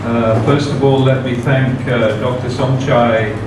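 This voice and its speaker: Lots of "uh"s fill this measured, careful formal talk by a guest speaker at a university seminar, who holds a steady, medium-pitched voice. Recorded from a distance in the very echoey seminar room, the audio also carries background noise.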